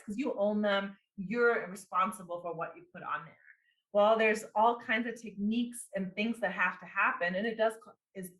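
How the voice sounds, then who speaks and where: Bright-voiced and in her forties, an immigrant woman who works as a business coach and marketing executive chats as a guest in a casual interview, rambling with many fillers and restarts. Her voice sits mid-range, and the rough recording sounds reverberant.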